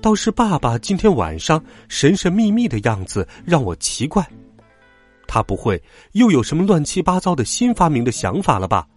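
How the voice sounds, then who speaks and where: A man telling a children's story aloud with lively, expressive intonation. His voice is a little husky and sits at a middle pitch. Soft music plays faintly underneath. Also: moderate pace. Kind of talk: scripted story narration for children.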